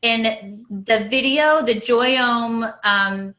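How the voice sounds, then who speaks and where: A woman's voice: fairly high pitch, drawn-out words, bright, forceful tone, roomy sound, poor audio. A woman leading a casual team call, chatty and trailing off at the ends of phrases. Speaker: team leader hosting a call.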